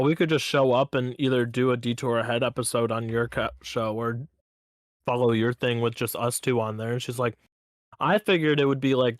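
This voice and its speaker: A man co-hosting a podcast in casual chat, telling stories in an easygoing, teasing way with halting restarts. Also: mid-range voice, no room sound, clean studio sound. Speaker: podcast co-host.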